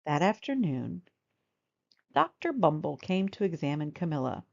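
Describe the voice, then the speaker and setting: A woman reading a children's storybook aloud in expressive narration, on a slightly muffled recording. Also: low-pitched, moderate pace, gravelly. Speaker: storybook reader.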